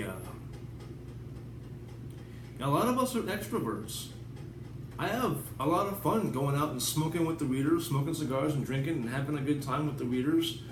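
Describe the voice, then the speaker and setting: A writer hosting his own video channel talks casually and unscripted at home in his apartment, blunt, rambling, and sometimes profane, at a medium pitch. A tablet camera at a distance picks him up, so the sound is distant and echoey with clear background noise.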